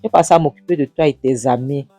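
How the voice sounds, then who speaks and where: A narrator acting out an indignant husband who scolds his wife, raising the pitch and repeating "Hein?". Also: quick pace, mellow, no room sound, faint music behind, lightly acted.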